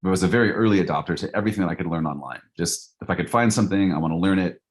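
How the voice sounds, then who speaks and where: Podcast co-host, male, very low voice, reflective and loose-spoken. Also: racing. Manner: reflective, loose with frequent "like" and "you know". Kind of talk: casual podcast chat.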